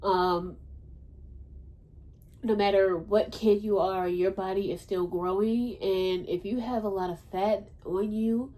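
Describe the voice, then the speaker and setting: A woman's voice: medium pitch, steady tone, takes it slowly, warm tone, poor audio. A woman hosting a podcast in casual chat, talking in a rambling, blunt way and swearing freely. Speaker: podcast host.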